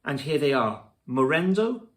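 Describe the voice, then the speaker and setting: A man teaching music theory, spelling out terms letter by letter in a slow, deliberate lesson narration. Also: fairly high pitch, very animated.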